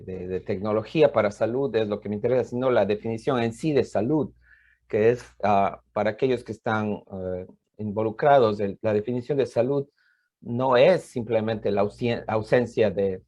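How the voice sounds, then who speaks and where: On dull-sounding audio, a man with a mellow, fairly low voice speaks at an ordinary pace. He's a professor with an Ecuadorian Spanish accent giving an informal conference explanation, halting and repeating words as he goes.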